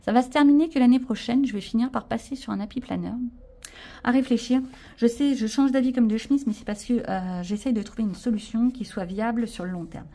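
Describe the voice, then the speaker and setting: A woman's voice: fairly high pitch, a little fast, warm tone. A woman with a French accent chatting casually to camera about her sticker and craft haul, self-mocking and full of fillers. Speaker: vlogger showing a craft haul.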